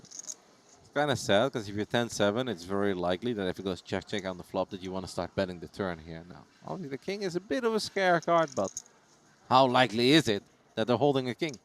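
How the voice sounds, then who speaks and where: A man's voice: lowish voice, very animated, fast. A man commentating on live poker in a casual, chatty, jokey and teasing way.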